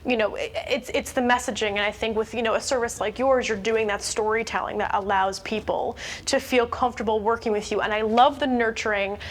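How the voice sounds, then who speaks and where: A woman hosting an interview chat, animated and quick to joke, tossing in blunt asides. Her voice sits somewhat high. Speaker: podcast host.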